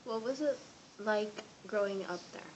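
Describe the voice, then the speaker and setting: A woman's voice: medium pitch, measured pace, muffled recording, a little hiss or hum. A woman interviewer reading out short, plain questions.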